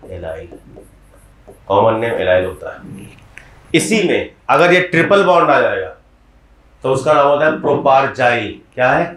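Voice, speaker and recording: A male teacher lecturing a class in a medium voice, breaking things down step by step and checking in with students through frequent questions. The sound is roomy, with a clear echo from the classroom walls. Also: mid-range voice, fairly bright tone. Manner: explains step by step, often quizzing students. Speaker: chemistry teacher.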